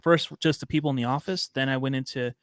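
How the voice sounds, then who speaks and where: Chatty man from Chicago, smooth voice. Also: medium pitch, fast, dry recording, clean studio sound. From Chicago, USA. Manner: chatty, storytelling, relaxed slang. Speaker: podcast guest. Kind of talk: casual podcast conversation.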